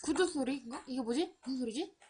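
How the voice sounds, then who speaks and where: A woman with a high voice streams a game, reading the story text aloud and then murmuring softly to herself as she plays. The talk is casual and mostly quiet, as if she is thinking out loud. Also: lively intonation, fairly quick, slight background noise.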